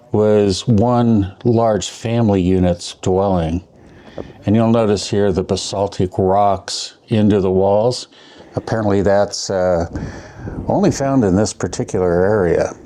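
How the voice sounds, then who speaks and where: A man with a mellow, slightly low voice narrates a travel vlog at a slow, easy pace. He sounds conversational and laid-back, recorded on a camera microphone with faint noise. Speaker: travel vlogger. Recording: faint wind and background noise.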